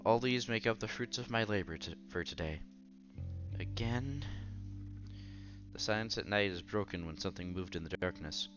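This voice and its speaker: A man whose pitch is fairly low narrates a visual novel on stream at normal speed, pausing for chatty reactions between lines. His audio is dull, with game music playing underneath.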